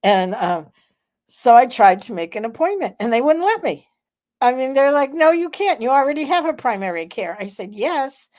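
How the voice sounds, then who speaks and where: A woman in her seventies hosting a live vlog, telling a story in a slow, chatty way with many fillers. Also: medium pitch, darkish tone. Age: 70s. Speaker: vlog host. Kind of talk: casual live vlog chat.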